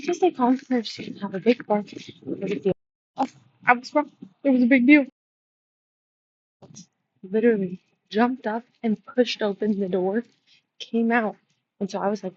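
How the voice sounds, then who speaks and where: A young woman tells a casual storytime for her vlog, chatty and animated, at an ordinary middle pitch. Her voice comes through a slightly dull, lo-fi recording. Faint noise sits underneath her. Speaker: vlogger.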